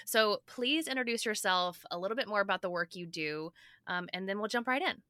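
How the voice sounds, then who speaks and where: A woman's voice: mid-range voice, a little fast, bright, forceful tone, dry recording. A woman hosting a podcast, talking in a candid, chatty way as she interviews a guest. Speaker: podcast host. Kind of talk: casual interview chat.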